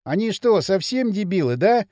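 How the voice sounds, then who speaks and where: A man's voice: high voice, sing-song, moderate pace, darkish tone, no room sound, studio quality. A man voicing a timid, plump young man who mumbles and frets nervously.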